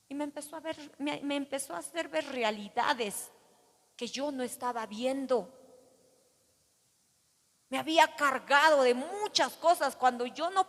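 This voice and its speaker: A woman's voice: high voice, a bit bright, in a large hall. A woman pastor, giving an earnest testimony sermon and calling her listeners brothers.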